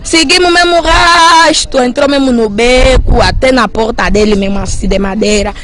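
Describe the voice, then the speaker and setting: A woman with an Angolan Portuguese accent, giving an animated, emphatic spoken account of a night break-in. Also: moderate pace, slight background noise. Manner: animated, emphatic retelling with sudden rises in pitch and loudness. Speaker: eyewitness recounting a break-in.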